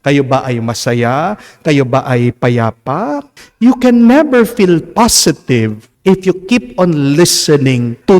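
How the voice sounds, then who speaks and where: A male Filipino priest with a Filipino accent preaching a homily at Mass, mixing English and Tagalog, asking the people "Amen?", and moving from soft low asides to high, emphatic lines. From Philippines. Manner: mixes English and Tagalog, asks the congregation "Amen?". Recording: long church reverb.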